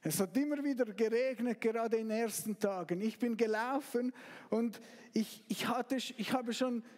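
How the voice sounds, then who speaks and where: High-voiced pastor guy preaching slow and dramatic, big hall echo. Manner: slow, dramatic storytelling with sudden loud outbursts. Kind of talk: sermon with guided retelling.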